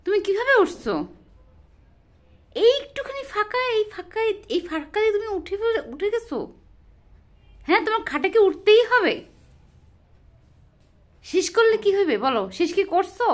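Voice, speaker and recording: A woman talking to her pet rabbit at home in a casual vlog, half scolding and half teasing it in playful baby talk. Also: very high voice. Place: home bedroom.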